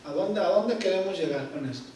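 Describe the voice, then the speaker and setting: Male Bible teacher, high voice, slow and repetitive delivery, picked up from a distance in a reverberant hall. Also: a little mellow, slight background noise. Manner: slow, repeats key words, checks in with "¿Ok?". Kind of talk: Bible study class. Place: church hall. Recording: echoey hall, voice from far off.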